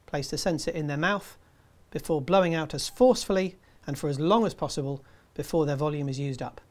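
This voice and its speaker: A man's voice: fairly high pitch, a little mellow. Man narrating step-by-step instructions. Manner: measured step-by-step delivery. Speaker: presenter.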